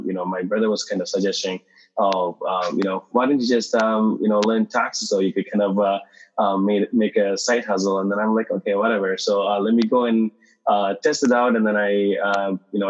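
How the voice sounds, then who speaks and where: Guest founder from Sri Lanka, non-native English, low voice, hesitant delivery, slightly dull recording. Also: male voice. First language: not English. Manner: hesitant, many fillers and restarts. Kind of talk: podcast interview.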